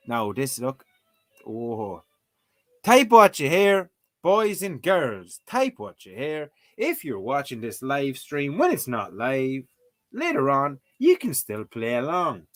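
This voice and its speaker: With faint music behind him, a streamer learning a language gives casual live commentary as he goes through a lesson, joking and throwing in mock exclamations. His mid-range voice takes it slowly and swings hugely in pitch.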